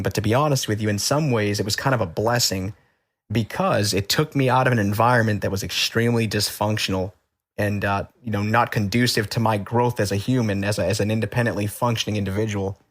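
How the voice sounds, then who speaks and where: A man from the Boston area sits as an interview guest and tells his story in a loose, unhurried way. His voice sits fairly low, and he keeps stopping for little fillers and restarts as he talks. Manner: relaxed, rambling, many uh fillers and restarts. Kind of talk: casual storytelling.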